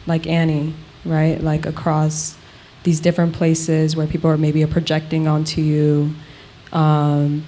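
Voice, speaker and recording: Slow, mellow, low-voiced woman interviewer. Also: completely flat delivery. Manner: tentative, circling phrasing. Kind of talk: thoughtful conversational interviewing.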